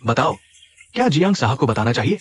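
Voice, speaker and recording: Earnest loyal aide, husky, lively pitch, dry recording. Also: male voice, quick pace. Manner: earnest, explaining. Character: loyal older male aide, earnest advisor. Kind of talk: Hindi drama dubbing.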